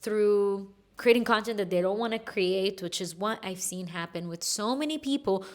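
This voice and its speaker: A woman from Egypt, raised in Kuwait, hosting her own podcast in a chatty, quick, emphatic way. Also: mid-range voice. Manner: chatty, fast-talking with lively emphasis. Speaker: podcast host. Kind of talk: solo podcast talk.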